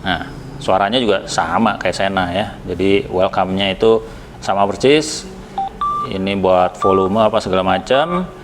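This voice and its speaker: Speaking a little slowly in a deep voice, another Indonesian helmet shop reviewer offers a relaxed, conversational product review. He hesitates along the way, drops in English words now and then, and there's noise in the background.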